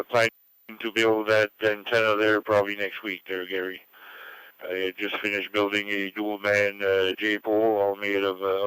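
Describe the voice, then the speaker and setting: Crisp low-voiced man chatting on ham radio. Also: sharp tone, no echo, rough recording. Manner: rambling, hesitant, friendly. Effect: amateur radio transmission. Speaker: amateur radio operator checking in. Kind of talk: casual radio chat.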